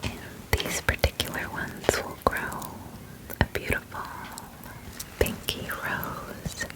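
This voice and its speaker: A woman playing a gentle, nurturing garden fairy in a soothing, affirming ASMR whispered role-play. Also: lightly acted. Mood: soothing, tender. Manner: soothing, affirming, slow and deliberate. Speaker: ASMR performer.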